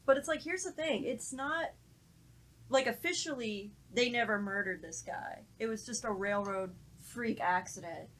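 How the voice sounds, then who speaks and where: A woman with a slightly high, fairly bright voice talks at a moderate pace as a podcast panelist. The conversation is casual, and she tells anecdotes informally, swearing now and then.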